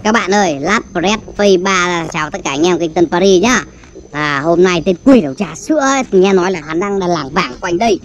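A man playing an excitable young male demon hunter, boastful and theatrical in a comedy skit. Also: sits high, brisk, slight background noise, lightly acted. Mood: scheming.

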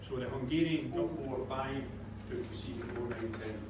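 A man's voice: mid-range voice, moderate pace. An older man with a Scottish accent, a tour guide chatting and joking with a group in a large trophy room. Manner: chatty, jokey, addresses a group. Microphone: visitor's camera from a distance. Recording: echoey room, distant, with crowd noise.

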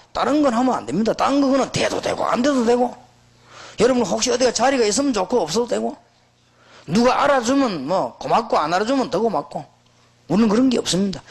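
A middle-aged pastor with a high, fast, slightly rough voice preaches a sermon. He exhorts emphatically and tells stories in an animated way.

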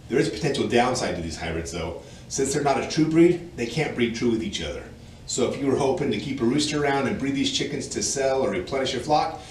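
A man's voice: medium pitch, a little hiss or hum. Man explaining farm topics in a roomy recording. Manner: clear, informative and matter-of-fact. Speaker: hobby farm host. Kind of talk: scripted explainer to camera. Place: outdoors in front of a wooden barn door. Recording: roomy, distant outdoor recording with faint ambience.

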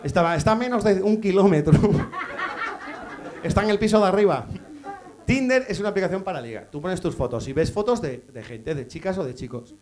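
A man's voice: high voice, lively intonation, normal speed, darkish tone. A man doing a stand-up comedy set on stage, teasing the audience with crude jokes and introducing the next comic.

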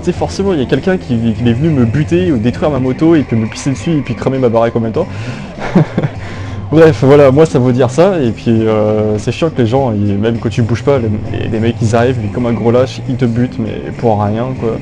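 A young gaming YouTuber with a brisk, mid-range voice gives casual, jokey gameplay commentary through an old phone headset. He rambles, restarting often and using lots of fillers.

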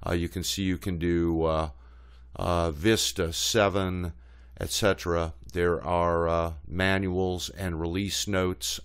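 A man narrates a screen-recorded tutorial in a low, unhurried voice. His tone is smooth and clear, and he talks plainly, pausing with fillers as he clicks through a website. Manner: plainspoken, hesitant with frequent uh fillers. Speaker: channel host.

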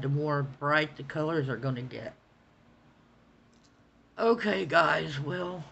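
Slow, rambling woman. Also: low voice, fairly bright tone, lo-fi sound. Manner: rambling, stammering, repeats herself. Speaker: coloring channel host. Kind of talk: casual chat reviewing art supplies. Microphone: phone.

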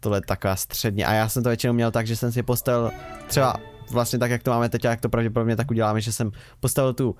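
A man's voice: mid-range voice, fairly even intonation, faint music behind. A young man giving rambling, casual commentary while playing a game, with wry remarks. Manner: chatty, rambling, wry self-mocking remarks. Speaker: Let's Play host.

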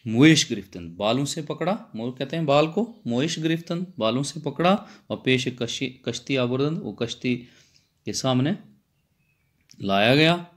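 A man's voice: mid-range voice, animated, unhurried. Man explaining Persian text line by line. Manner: reads each Persian phrase, then explains it again in simple words. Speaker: Persian lecturer.

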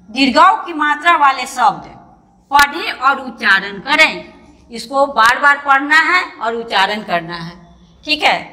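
A woman's voice: sits high, pushed and bright, long reverb tail. A woman teaching young children an online lesson, patiently breaking words into syllables and sounding each one out, often calling the pupil "beta". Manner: calls the pupil "beta" fondly.

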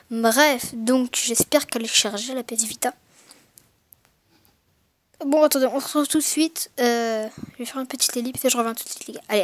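A woman with a somewhat high voice narrates an unboxing in a loose, casual way. She speaks into a gaming headset mic. Her delivery is hesitant and full of fillers and mid-sentence self-corrections. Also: no room sound. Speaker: gaming video maker.

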